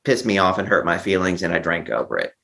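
A gravelly, low-pitched male voice, slightly bright, comes out fast and animated. He's a memoir author being interviewed, telling a personal story candidly and theatrically while dramatizing what others said.

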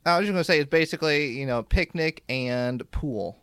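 A young man co-hosting a podcast, chatting casually with deadpan jokes. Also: a little high, a little fast, clear, resonant tone, no room sound, clean studio sound. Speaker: podcast co-host. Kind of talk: casual chat.

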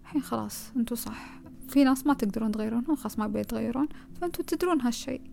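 A woman's voice: a little high, rapid-fire, gravelly, dark tone. A woman with a Gulf Arabic accent giving a conversational self-help talk, advising the listener and piling up rhetorical questions.

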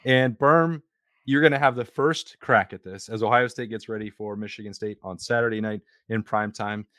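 A man's voice: fairly low pitch, steady tone, moderate pace, a bit bright, no room sound, studio quality. A man hosting a casual sports podcast, teasing his co-hosts with mock-grand flourishes. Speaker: podcast host.

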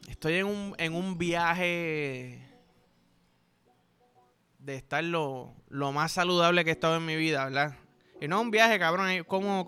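A man's voice: a little high, bright, forceful tone, clean tone. A man with a Puerto Rican accent hosting a podcast, rambling through a crude comic monologue full of slang. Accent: Puerto Rican Spanish. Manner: rambling, vulgar, joking, heavy slang. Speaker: podcast host.

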